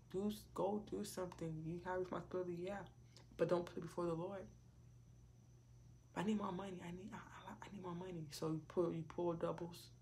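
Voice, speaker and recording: Woman preacher, low gravelly voice, chatty testimony-style delivery with hushed asides. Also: slight background noise. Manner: conversational and repetitive, with many "like" fillers and hushed asides. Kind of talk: casual preaching and personal testimony.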